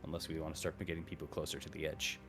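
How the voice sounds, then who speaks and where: A man's voice: extremely low pitch, flat delivery, very fast. A man narrating a tabletop game as game master, improvising in a conversational storytelling manner. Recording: music behind the voice.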